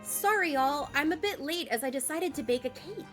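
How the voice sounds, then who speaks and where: A welcoming woman mayor, voiced by a woman reading game dialogue, talks in a polite, chatty, slightly flustered way. Her voice sits a little high. Soft game music plays faintly underneath. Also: lively intonation, normal speed. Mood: friendly.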